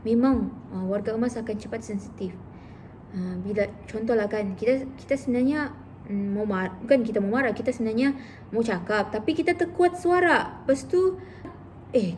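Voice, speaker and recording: A woman's voice: on the high side, darkish tone, slight background noise. A woman therapist in a casual educational vlog, chatting and explaining with acted-out examples. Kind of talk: informal educational vlog talk.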